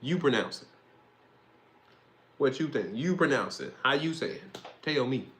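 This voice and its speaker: A man's voice: medium pitch, expressive, unhurried, fairly bright tone. A young man, hosting a casual, rambling football monologue with slang and swearing. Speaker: host.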